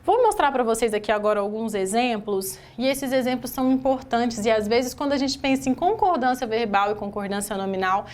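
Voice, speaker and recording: A Brazilian woman leads an exam-prep grammar lesson at a whiteboard. Her voice sits somewhat high, and she breaks each sentence down word by word. She keeps asking the class rhetorical questions. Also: expressive, brisk, hardly any pauses, a little mellow. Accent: Brazilian Portuguese. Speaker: teacher.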